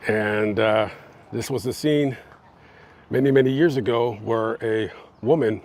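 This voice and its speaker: A man's voice: mid-range voice, measured pace, darkish tone. Man telling a true-crime story casually. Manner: conversational, many fillers, addresses viewers. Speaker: true-crime channel host. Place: on location outside a house.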